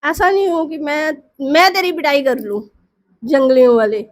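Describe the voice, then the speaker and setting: A woman's voice: high voice, expressive, normal speed. Woman doing a timid, scared young man. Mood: anxious. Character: timid young male friend, easily scared.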